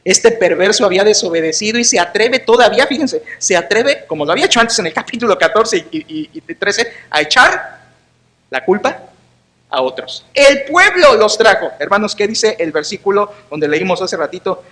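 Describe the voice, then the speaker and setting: Preaching a sermon in church, a pastor speaks in a notably high voice that sounds bright and sharp, with a Mexican Spanish accent. His delivery is emphatic and sarcastic, with lively intonation at a normal speed, and he acts out the lines he quotes.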